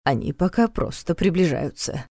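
A woman reading a hushed, wary young man. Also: deep voice, sing-song, moderate pace, no room sound, studio quality, exaggerated voice.

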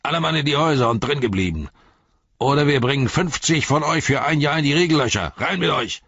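Man shouting as bullying ruffians. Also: a little high, expressive, fairly quick, a little hiss or hum, voice pushed up. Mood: menacing, bellowing. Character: brutish band of male ruffians barking orders. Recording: dry, slightly dull studio sound.

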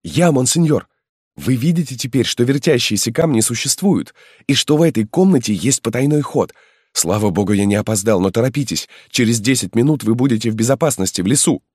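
A man voicing an eager young male peasant rescuer who talks in urgent, hurried pleas. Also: medium pitch, expressive, darkish tone, slightly rough, no room sound, clean studio sound, pitched above the performer's own voice.

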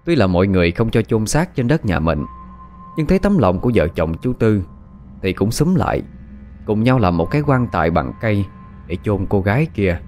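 A man with a Southern Vietnamese accent narrating a ghost story in a calm, measured way. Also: on the low side, soft background music.

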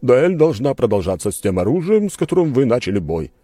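A man doing a calm, formal duel steward. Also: mid-range voice, fast, no echo, voice pushed up.

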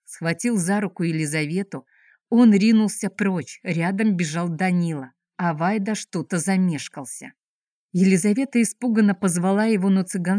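A woman with a somewhat low voice reads a novel as an audiobook narrator, delivering scripted narration in a measured, expressive way. The recording is dry and close.

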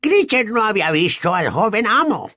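A man's voice: sits high, big pitch swings, moderate pace, bright, forceful tone, no room sound, clean studio sound, pitched above the performer's own voice, heavily acted. A man voicing a bitter, servile old male house-elf who mutters spitefully under his breath in an audiobook. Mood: muttering, spiteful. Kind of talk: audiobook character voice.

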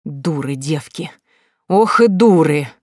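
A woman's voice: lowish voice, lively intonation, moderate pace, no echo, clean studio sound, natural voice. Woman voicing a haughty, scornful noble lady. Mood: irritated. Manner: sharp, contemptuous, snapping. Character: haughty, scornful middle-aged landowning lady.

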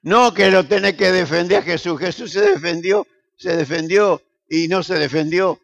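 An older man with a Rioplatense Spanish accent, a pastor giving an animated, joking sermon full of rhetorical questions. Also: sits high, moderate pace, gravelly, dull audio.

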